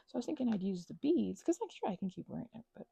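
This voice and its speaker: An ASMR creator rambles playfully through casual craft chat, scatterbrained and constantly cutting herself off, in a husky, breathy voice that often sinks toward a whisper. Her tone is warm and a little high, with big pitch swings and a racing pace, in a dry recording.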